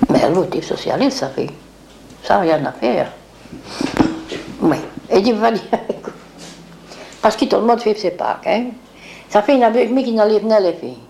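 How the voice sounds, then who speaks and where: A woman's voice: mid-range voice, expressive, moderate pace, gravelly, long pauses, background noise. An older woman, reminiscing in a rambling way and acting out what others said. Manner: rambling, acts out quoted speech. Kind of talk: reminiscing oral history.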